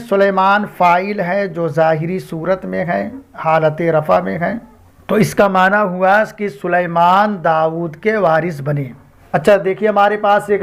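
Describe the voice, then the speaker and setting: High-voiced man teaching grammar slowly. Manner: repeats each example slowly, addresses listeners as friends. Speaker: Quranic Arabic grammar teacher. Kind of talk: Urdu-language grammar lesson with repeated examples.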